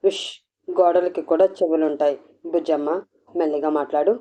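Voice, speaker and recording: A woman's voice: lowish voice, lightly acted. Menacing possessive gang boss man, sneering threats, dull lo-fi audio, a woman narrator puts him on. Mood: menacing soft. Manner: sneering, threatening, slow and soft then snapping.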